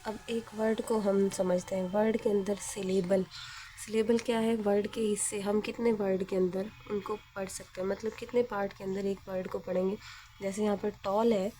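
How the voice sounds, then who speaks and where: A woman teacher with a soft, mellow tone walks students through a grammar lesson step by step. She keeps a patient pace, posing questions and then answering them herself. Her pitch sits right in the middle for a woman. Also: level tone, moderate pace, a little hiss or hum.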